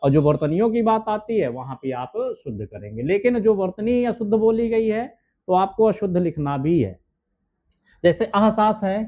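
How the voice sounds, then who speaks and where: High-voiced man teaching shorthand. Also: highs cut off. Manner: explains step by step, asks and answers his own questions; keeps adding "है ना" and "ठीक है" as checks. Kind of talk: steno dictation lesson.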